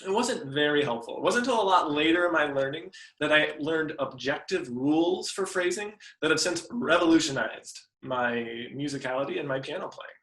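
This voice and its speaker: A man's voice: a little high, a little fast, hardly any pauses, fairly bright tone. Man giving a piano lesson, echoey room. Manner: friendly explanatory, hums melodies. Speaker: piano teacher. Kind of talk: instructional video lesson.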